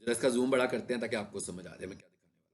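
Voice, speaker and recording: A man's voice: mid-range voice, rapid-fire. A male instructor giving a classroom lecture with a screen demo, often asking his students questions and then answering them himself. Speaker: digital marketing instructor.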